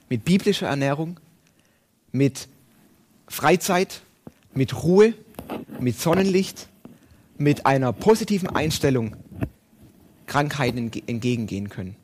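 A man's voice: mid-range voice, darkish tone, slight background noise. A man preaching a sermon and reading Bible passages aloud, with emphatic, rising and falling delivery.

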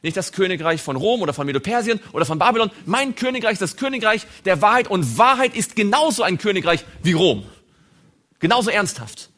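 A man preaching a sermon, dramatically acting out biblical dialogue and swinging between loud emphasis and hushed tones. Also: high voice, animated, a little fast.

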